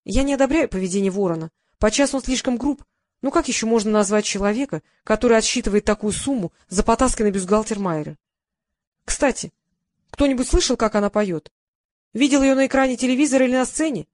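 A woman narrating an audiobook in a lively, wry storytelling manner, close to the mic. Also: fairly high pitch, quick pace, no echo. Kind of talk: scripted narration.

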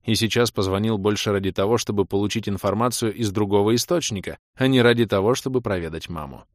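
A man's voice: fairly low pitch, quick pace, dry recording, studio quality. A man reading a first-person audiobook in a wry, self-deprecating tone. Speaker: audiobook narrator.

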